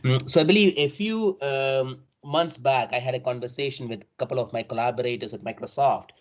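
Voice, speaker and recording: A man's voice: mid-range voice, a little fast. A middle-aged man with a South Indian accent gives an online academic presentation, often adding tags like "right?" to his sentences. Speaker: university faculty member presenting. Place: remote online call. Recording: dull, band-limited online call audio.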